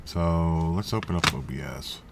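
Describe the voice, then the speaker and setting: In a very noisy recording, a man with a low, gravelly voice talks at a measured pace. He's running a casual screen-recorded computer tutorial, wandering off-topic, correcting himself, and cracking jokey asides.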